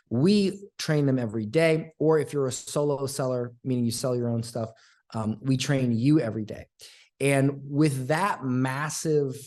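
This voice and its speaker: A man's voice: medium pitch, a little mellow. Male guest, sales coach, earnest and repetitive, middle-range voice, casual delivery. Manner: earnest, repeats points for emphasis. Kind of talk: casual interview talk.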